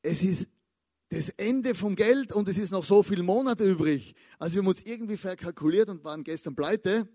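A young man giving a lively, casual sermon, chatting with asides and stretching key words slowly for emphasis. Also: sits high, no room sound, studio quality. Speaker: pastor.

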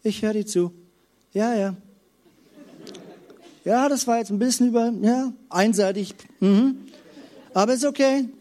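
A preacher voicing God, soft and easygoing. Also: male voice, very high voice, measured pace, long pauses. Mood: relaxed. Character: God, relaxed, approving male deity.

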